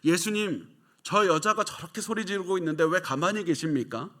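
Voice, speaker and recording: A man's voice: very animated, moderate pace, bright, forceful tone, heavily acted. Male preacher acting out irritated, impatient male disciples in a raised, complaining voice. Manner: complaining, pleading with rising pitch.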